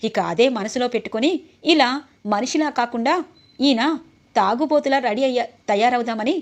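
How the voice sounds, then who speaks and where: A woman reading the lines of a sharp-tongued, mocking young wife. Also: a little high, normal speed, close to an everyday voice.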